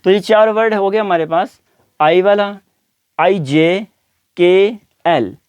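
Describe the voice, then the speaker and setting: A man teaching English pronunciation, saying each example word slowly and repeating it several times. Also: high-pitched, a little mellow, clean tone, dry recording, muffled recording. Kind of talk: explaining pronunciation to learners.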